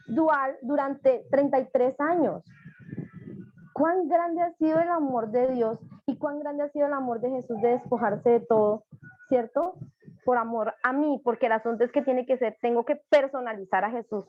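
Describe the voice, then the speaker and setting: A woman's voice: high voice, normal speed, dry recording. A woman speaking from her living room as a church tutor, giving a fervent personal testimony and repeating phrases for emphasis. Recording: dull, dry home recording.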